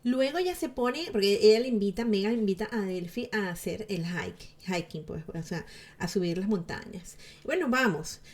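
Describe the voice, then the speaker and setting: A woman's voice: mid-range voice, animated, normal speed. A woman giving chatty, sarcastic commentary to her viewers, laughing often. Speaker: celebrity gossip vlogger.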